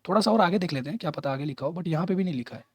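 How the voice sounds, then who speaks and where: A man walking through an exam passage in a casual tutorial, chatty and mixing English terms into his talk while reading quoted lines slowly. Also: on the high side, expressive, husky, no room sound. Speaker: exam prep teacher.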